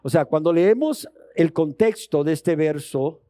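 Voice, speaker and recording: A man's voice: fairly high pitch, animated, unhurried, warm tone, no room sound. A man with a Colombian Spanish accent teaching a sermon, asking the audience questions and acting out dialogue. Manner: emphatic, rising questions to the audience, acts out dialogue. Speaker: Bible teacher.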